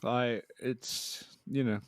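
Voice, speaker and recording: A man's voice: mid-range voice, steady tone, drawn-out words, no room sound. A British man co-hosting a podcast, chatting casually in a talkative, opinionated way with some swearing. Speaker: podcast co-host.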